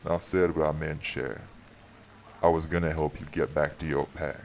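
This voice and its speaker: In an audio drama, a man with an extremely low, very gravelly voice plays a vampire who rules a city, sounding calm and reassuring. His flat, slightly mellow delivery is measured and wry, weary but protective, with dry teasing, and a bit of hiss or hum sits in the background.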